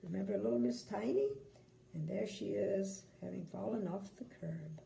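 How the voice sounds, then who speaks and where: A sweet, gentle older woman reads a storybook aloud to small children, unhurried, with little asides, in an echoey room. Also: mid-range voice, gravelly. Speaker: grandmother reading bedtime stories. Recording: echoey room, faint background noise.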